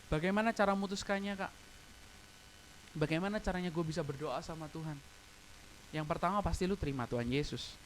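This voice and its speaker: A man's voice: on the high side, a little fast, long pauses, slight background noise, poor audio. A young man preaching a casual, personal youth sermon at an online church service, speaking in slang, slipping in English phrases and growing tearful at times. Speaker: youth pastor.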